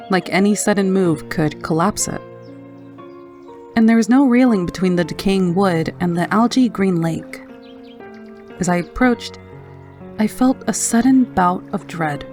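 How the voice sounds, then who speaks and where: A woman narrating a scripted first-person scary story in a low, haunting, measured manner. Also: darkish tone. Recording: narration over background music. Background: music.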